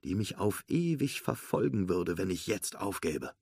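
A man's voice: low-pitched, big pitch swings, a little slow, vocal fry, a little mellow, breathy edge, no room sound, studio quality, full character voice. A man voicing an anxious, loyal male cowboy toy in a storybook read-aloud, speaking earnestly and a bit flustered.

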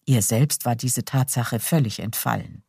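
A woman narrates a novel in a calm, measured audiobook read. Her voice is low, dark and husky. It is a dry, close recording with no room sound. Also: dry recording.

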